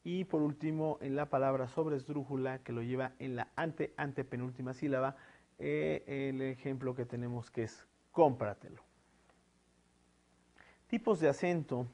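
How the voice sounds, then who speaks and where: Profesor que explica con muchas muletillas. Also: male voice, medium pitch, fairly even intonation, normal speed, darkish tone. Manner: explanatory, with frequent fillers "eh" and "este" and tag "¿no?". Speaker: teacher. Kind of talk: recorded online lesson.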